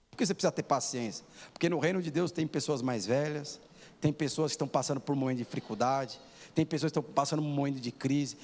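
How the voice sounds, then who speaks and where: A man's voice: a little high, a little mellow. A man in his forties preaching a sermon in a church, often asking the congregation rhetorical questions. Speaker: pastor. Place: church hall. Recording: long hall reverb.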